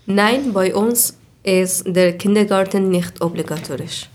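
A woman's voice: mid-range voice, unhurried, darkish tone. A woman, answering interview questions carefully with small slips. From Afghanistan. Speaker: interview guest. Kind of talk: scripted answers.

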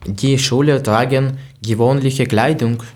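A man, answering interview questions in a halting way with restarts. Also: medium pitch, fairly even intonation, a little mellow. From Ukraine. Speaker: interview guest. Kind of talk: scripted answers.

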